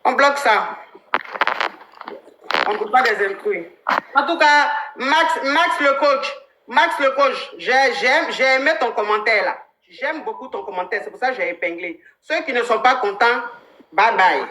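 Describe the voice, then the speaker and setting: A woman hosting a live relationship coaching stream, chatting casually, animated and thanking viewers by name. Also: fairly high pitch, unhurried, noisy background. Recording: echoey room sound.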